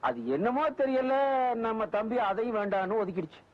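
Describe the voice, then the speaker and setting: Man playing a sly henchman, very high voice, muffled film audio. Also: fairly quick, close to an everyday voice. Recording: dull old film soundtrack.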